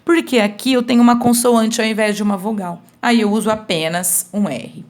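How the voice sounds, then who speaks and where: A woman teacher giving a remote school lesson, explaining slowly step by step and often checking that her students follow. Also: medium pitch, steady tone, a little mellow. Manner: slow, explains step by step with frequent checks for understanding.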